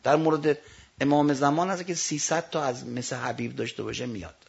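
Male preacher, sermon storytelling, raspy fry in the voice, hushed then booming, slow drawn-out recitations, dull lo-fi recording. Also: steady tone. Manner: swings from hushed storytelling to loud declaiming.

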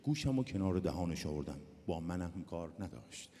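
A male preacher telling a religious story and chanting poetry, rising from a low storytelling voice to loud, impassioned calls to the crowd. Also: very animated, in a large hall.

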